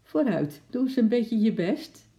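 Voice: mid-range voice, lively intonation, unhurried, mellow, voice pushed up. A narrator voicing Lotje, a curious, eager young girl who pleads and calls out. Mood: pleading. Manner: pleading, raised voice.

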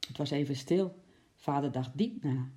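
A narrator reading a children's storybook aloud in a lively, expressive way. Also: medium pitch, moderate pace.

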